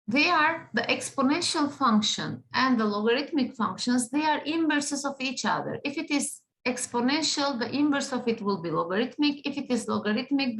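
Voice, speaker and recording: A woman's voice: high-pitched, a bit bright, rough recording. A woman teaching a math class, patient, often checking in with the students. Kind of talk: classroom lesson.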